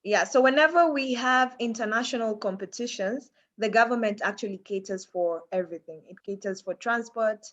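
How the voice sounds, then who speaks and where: A woman's voice: fairly high pitch, normal speed, few pauses, a bit bright, lo-fi sound. A woman from Kenya with a Kenyan accent, talking casually and chattily as an athlete being interviewed, often repeating phrases for emphasis.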